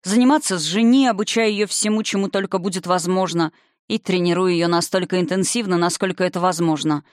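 A man's voice: high-pitched, fairly quick, dry recording, studio quality, close to an everyday voice. A reader playing a haughty, mocking father spirit. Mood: calm. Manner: calm, lecturing, condescending. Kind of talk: audiobook character reading.

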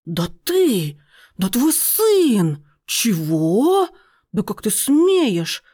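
A woman reading aloud and voicing a domineering middle-aged aunt who bursts into shrill, indignant outbursts. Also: big pitch swings, normal speed, darkish tone.

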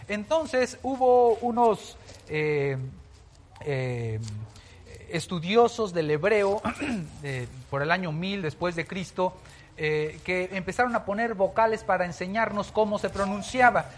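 A man's voice: high-pitched, slow pace. A man giving a Bible teaching, explaining at length with many fillers and restarts.

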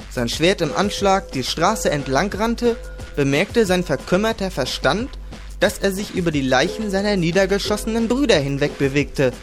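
A man reading a fantasy audiobook in steady, dramatic storytelling, with music behind him. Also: fairly high pitch. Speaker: audiobook reader. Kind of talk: scripted fantasy audiobook narration. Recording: background music under the narration.

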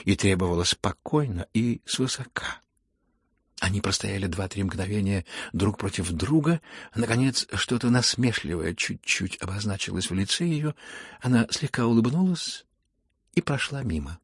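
Low gravelly male audiobook narrator. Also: animated, normal speed, dry recording, clean studio sound. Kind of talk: scripted narration of a classic novel.

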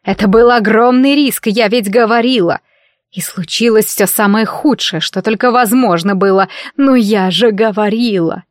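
A woman voicing a haughty older noblewoman, mother of an emperor, who hisses venomous, shrill reproaches in an audiobook. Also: moderate pace, no echo, clean studio sound, close to an everyday voice. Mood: reproachful.

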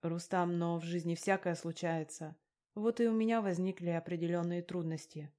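A shifty, cowardly man from an audiobook, voiced by a woman narrator. He brushes people off in a flat, dismissive tone, with a voice pitched low. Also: moderate pace, close to an everyday voice. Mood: pleading excuses. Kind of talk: audiobook character reading.

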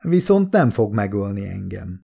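A man's voice: on the low side, very animated, creaky, dark tone, husky, heavily acted. A man voicing a cool, laconic male professional assassin who answers in curt, dry lines in an audiobook.

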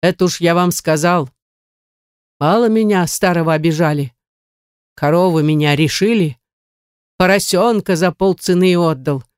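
A sullen, self-pitying old labourer with a Ukrainian accent, as the reader puts him on, swearing hoarse oaths that he is innocent. The storybook reading is dry and close. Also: high voice, dry recording. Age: older. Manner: protesting, hoarse, oath-swearing.

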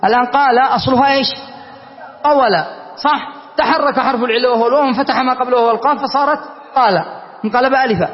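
A man's voice: very high-pitched, fast talker. A man teaching an Arabic grammar class, stretching out words and repeating them for his students. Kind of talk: classroom lesson. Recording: dull, echoey classroom recording.

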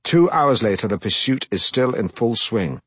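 A middle-aged man, reading a comic first-person story aloud in a deadpan, self-important manner, close to the mic. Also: fairly low pitch, moderate pace, breathy edge, dry recording. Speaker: audiobook narrator.

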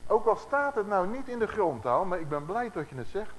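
A high-pitched man moves at a fairly quick clip through a conversational sermon teaching the Bible to his congregation, animated and constantly posing rhetorical questions. There's slight background noise, and the recording quality is low.

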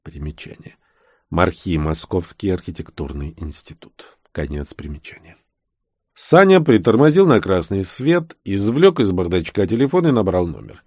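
A man narrating an action audiobook in an expressive reading style. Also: moderate pace, breathy edge, no echo, clean studio sound. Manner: voices characters with lively rising pitch.

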